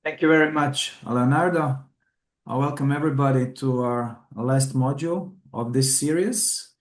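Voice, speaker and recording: A man's voice: mid-range voice, normal speed. Man, english, webinar lecture, hesitant fillers, roomy echo. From Croatia. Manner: hesitant, many fillers and restarts. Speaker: trainer.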